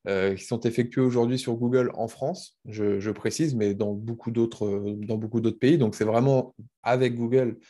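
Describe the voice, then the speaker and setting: A man's voice: mid-range voice, steady tone, moderate pace, hardly any pauses, dark tone. A man presenting a webinar as a consultant, explaining the basics simply for beginners over a video call.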